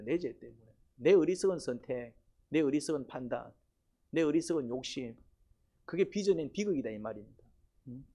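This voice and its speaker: A man's voice: medium pitch, warm tone, highs cut off. Man preaching. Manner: fires rhetorical questions at the congregation and repeats key phrases; folksy, blunt wording with sudden emphatic rises. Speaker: pastor. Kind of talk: sermon. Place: church.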